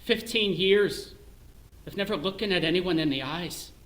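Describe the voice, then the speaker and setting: An actor playing a bitter middle-aged clerk with a Northern Irish accent in a theatrical monologue, swinging between hushed self-loathing and shouted rage. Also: male voice, sits high, moderate pace. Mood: bitter brooding. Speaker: stage actor in a one-man show. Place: performance space, live stream. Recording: roomy echo.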